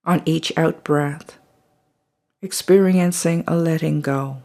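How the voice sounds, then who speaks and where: Guiding a body scan, a calm meditation teacher speaks slowly and gently at a middling pitch. Her soft phrases fade away at the ends, sometimes dropping almost to a whisper.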